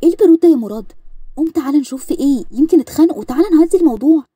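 A woman's voice: medium pitch, little pitch movement, racing, warm tone, husky, dry recording, studio quality. A woman voicing a fretful wife with an Egyptian accent, pleading and reproachful, in an audio story. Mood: insistent. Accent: Egyptian Arabic.

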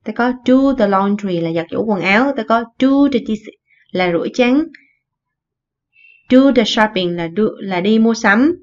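A woman teaching an English lesson, explaining words in Vietnamese and slowly repeating the English phrases. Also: mid-range voice, animated, lo-fi sound. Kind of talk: recorded online lesson explaining vocabulary.

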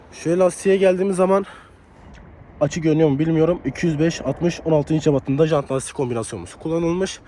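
Young guy doing a car walkaround outside, bit hoarse and sick, talks fast, faint noise behind. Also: on the high side, mellow. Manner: chatty, leans on the filler "hani". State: slightly hoarse from a cold. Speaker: car reviewer. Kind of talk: casual car review walkthrough. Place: outdoors beside a car in cold weather.

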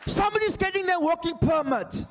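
A man from Namibia preaching a charismatic sermon on a large church stage into a handheld mic, shouting declarations and prophecies while he paces and gestures. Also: extremely high pitch, brisk, a little hiss or hum. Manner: pacing and gesturing energetically. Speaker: pastor. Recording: long hall reverb.

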